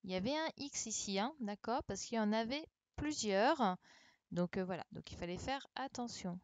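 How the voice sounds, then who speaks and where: A woman's voice: a little high, animated, moderate pace, no room sound. A woman teaching young pupils over a live stream, correcting a dictation and spelling words out letter by letter with a patient, checking manner. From France. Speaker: primary school teacher. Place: home setup for an online class. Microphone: computer microphone for a live stream.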